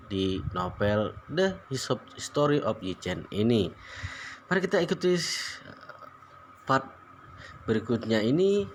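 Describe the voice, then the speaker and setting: A man narrating a novel aloud as a channel host, in a plain, steady reading voice with small slips. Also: medium pitch, a little hiss or hum.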